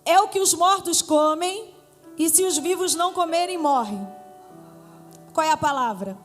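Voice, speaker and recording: A high-pitched woman pastor with a Brazilian accent leads a Pentecostal sermon, teasing her congregation with riddles and building to shouted declarations. Her voice rings out in a church hall with a long reverb tail. Faint music plays behind her. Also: moderate pace. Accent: Brazilian Portuguese.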